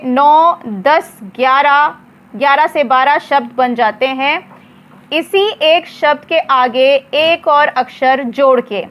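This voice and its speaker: A woman teaching English words in a slow lesson, spelling them out letter by letter and repeating each one. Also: sits high, fairly bright tone.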